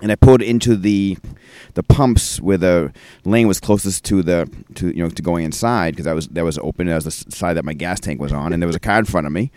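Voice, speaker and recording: A man's voice: sits low, a little fast, darkish tone, no room sound. A man co-hosting a casual podcast, telling rambling stories on his deck. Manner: rambling, self-correcting storyteller. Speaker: podcast co-host. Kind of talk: casual chat. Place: outdoor home deck.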